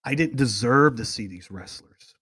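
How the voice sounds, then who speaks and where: A male talk show host chats casually and drifts from one excited story to the next. His voice sits at an ordinary pitch and gushes with fan enthusiasm. The sound is dry, with no room echo. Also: moderate pace, husky. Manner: rambling storyteller, goes off on tangents. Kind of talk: casual chat.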